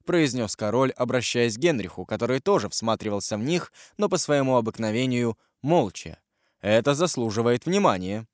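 A man narrating a historical novel in a dramatic, expressive reading. His pitch rises and falls in a lively way. The sound is dry and close, with no room around it. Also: fairly quick, hardly any pauses, no room sound. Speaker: audiobook narrator.

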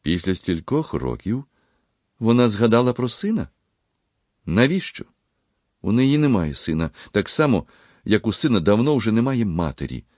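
A man's voice: lowish voice, a little mellow, breathy edge, dry recording, studio quality, voice pushed up, heavily acted. A man voicing a proud, bitter young man who speaks in agitated, rising outbursts.

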